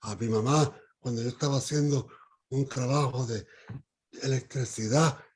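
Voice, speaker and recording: A man leading a Bible study. He speaks haltingly, with many fillers and restarts, and puts questions to the group. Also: mid-range voice, darkish tone, breathy edge.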